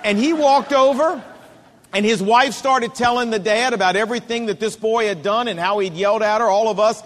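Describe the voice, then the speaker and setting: High-voiced preacher in a reverberant hall. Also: male voice. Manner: emphatic, repetitive cadence, slows down to stress points. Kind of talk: sermon.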